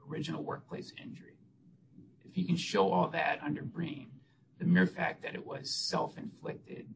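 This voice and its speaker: Hoarse, gravelly male attorney. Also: on the high side, background noise. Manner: halting, many ums and restarts. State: losing his voice. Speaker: attorney arguing an appeal. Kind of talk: courtroom oral argument.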